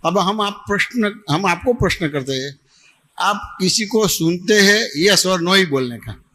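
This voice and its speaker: A man's voice: high-pitched, lively intonation, a little slow, pushed and bright. A man leading a satsang question-and-answer session as a spiritual teacher, patient and repetitive, often checking that he is understood. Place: devotional gathering hall in Ahmedabad.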